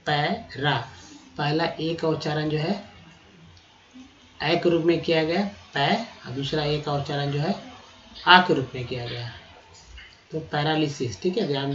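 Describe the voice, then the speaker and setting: A teacher with a medium-pitched, fairly bright voice works through a vocabulary list, saying each word twice and spelling it letter by letter. The lesson is recorded with a roomy echo and a slightly dull, lo-fi quality.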